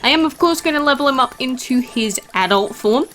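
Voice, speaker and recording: A woman's voice: sits high, animated, fairly quick, fairly bright tone, faint music behind. Chatty woman narrating a mobile game. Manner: chatty, rambling with asides and filler. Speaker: game channel host. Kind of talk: casual gameplay commentary.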